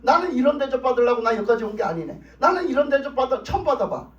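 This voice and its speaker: A man's voice: extremely high pitch, lively intonation, fast talker. A man voicing a proud foreign army general who complains indignantly about how he has been treated. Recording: roomy dull sound, mic at a distance.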